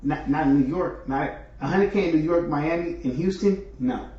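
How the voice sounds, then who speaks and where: A man from California hosts his stream alone, rambling chattily with lots of fillers. His voice is mellow and fairly high, at a moderate pace. The sound is echoey, distant and dull.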